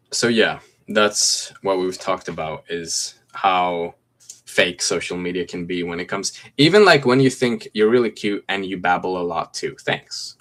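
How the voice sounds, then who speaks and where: At home in a room with mint green walls, a Greek man in his twenties livestreams from his phone, reading viewer comments aloud and answering them one by one. His voice is deep and low with a slight American accent, and his manner is laid-back and chatty.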